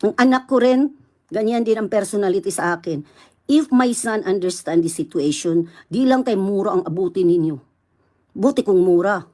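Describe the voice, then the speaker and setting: Isang babaeng Bisaya na may punto ng Visayas, malakas at galit na nagra-rant sa livestream habang nagbebenta online, halo-halong Ingles ang salita. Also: female voice, medium pitch, normal speed. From Visayas, Philippines. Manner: loud indignant ranting, mixing English in.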